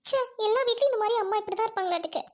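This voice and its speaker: A woman's voice: very high voice, racing. A woman voicing a sulky teenage daughter who whines and complains to her mother, in a comic family skit. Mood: whiny. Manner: whining and complaining. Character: teenage schoolgirl, whiny and sulky elder daughter.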